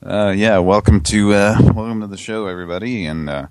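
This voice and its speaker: A man hosting a prank call show, deadpan and hesitant, with many restarts. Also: on the low side, brisk, clean tone. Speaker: host.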